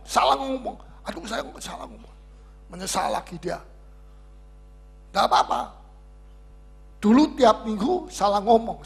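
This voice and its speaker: A man with a fairly high, gravelly and husky voice preaching in a Bible study. He is emphatic and conversational, hammering home key words and asking and answering his own questions, and he often adds a wry humorous turn. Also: a bit bright. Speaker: pastor leading Bible study. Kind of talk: sermon.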